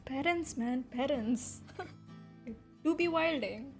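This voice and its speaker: A young VTuber streamer, a Hindi first-language speaker, reads online posts aloud and reacts with blunt, incredulous commentary, swearing and laughing often in an animated way. Her voice is high-pitched and slow with vocal fry, over soft background music.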